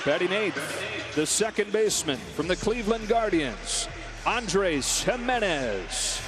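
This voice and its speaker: A man working as a stadium announcer, calling out lineups in a dramatic arena style with drawn-out names over the PA. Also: high voice, sing-song. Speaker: stadium public address announcer. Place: large open-air stadium, over the PA. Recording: stadium PA under loud music.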